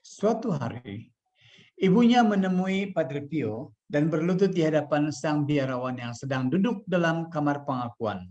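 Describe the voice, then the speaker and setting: A man's voice: on the high side, animated, unhurried, a little mellow. Man from Malaysia, dull lo-fi audio. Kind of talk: devotional talk and reading a story aloud.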